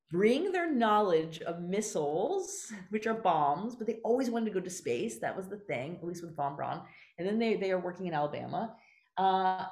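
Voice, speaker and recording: A woman with a mid-range voice is an interview guest, speaking effusively and with emphasis. Her style is animated and conversational, and she digresses as she goes.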